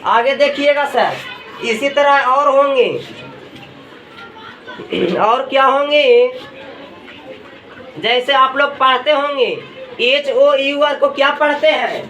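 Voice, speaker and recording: A man's voice: very high voice, fairly even intonation, slow, long pauses, sharp tone, some chatter behind, a little hiss or hum. A male teacher leads a classroom lesson, asking and answering his own questions over and over. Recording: echoey room, mic far off. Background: students in the room.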